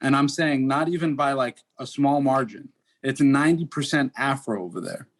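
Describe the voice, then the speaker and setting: A man's voice: mid-range voice, moderate pace. A Dominican American man in a casual podcast discussion, explaining his views earnestly with statistics and many restarts. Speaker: podcast co-host.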